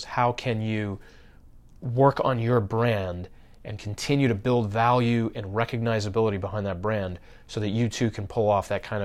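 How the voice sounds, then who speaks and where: A man hosts a podcast in a loose, conversational way. He speaks straight to his listeners, breaks off and restarts his sentences, and fills the gaps with "uh" and "you know.". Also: lowish voice. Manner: conversational, many fillers and restarts, addresses listeners directly. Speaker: podcast host. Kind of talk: casual marketing talk.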